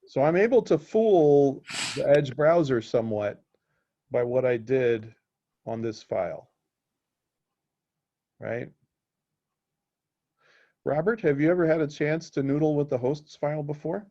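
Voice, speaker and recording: A man's voice: a little high, unhurried, long pauses, dark tone. A man teaching a live technical class in a casual way, often checking that his students are following. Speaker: instructor. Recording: dull lo-fi recording.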